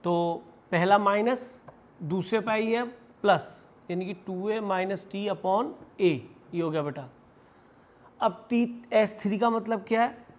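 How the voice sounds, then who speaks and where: A man with a high-sitting voice speaks slowly while teaching maths in a classroom lecture. He explains step by step, asks and answers his own questions, and affectionately calls students "beta." With an Indian accent, he switches between Hindi and English math terms.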